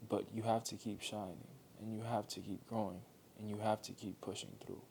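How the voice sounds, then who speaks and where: A man giving a heartfelt motivational monologue, earnest and gentle, repeating phrases for emphasis. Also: fairly low pitch, little pitch movement, a little fast, gravelly, slight background noise. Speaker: motivational speaker.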